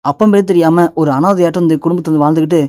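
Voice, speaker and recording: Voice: medium pitch, fairly even intonation, very fast, darkish tone, no echo, lightly acted. A narrator reading a gloating scheming villain. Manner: gloating, contemptuous. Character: scheming middle-aged man, gloating villain.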